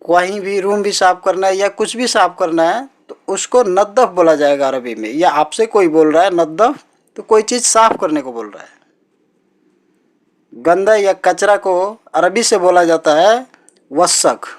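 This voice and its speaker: A man teaching everyday vocabulary as a language teacher, repeating each word slowly and patiently. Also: high-pitched, lively intonation. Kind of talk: teaching Arabic words in Hindi.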